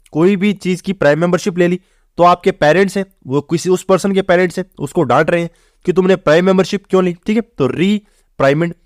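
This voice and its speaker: A man runs an online vocabulary class in a friendly, chatty way, checking in again and again with "theek hai". His voice sits a little high for a man. The sound is close and dry, with no room around it. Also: no echo. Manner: chatty, repeats "theek hai" and "bahut easy hai". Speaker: vocabulary teacher. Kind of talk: online exam-prep vocabulary lesson.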